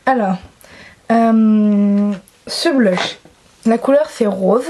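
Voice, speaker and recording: A woman vlogger chatting casually to camera at home about a makeup haul, gushing about products and often pausing with hesitant fillers. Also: medium pitch, dark tone, slight background noise. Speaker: beauty vlogger.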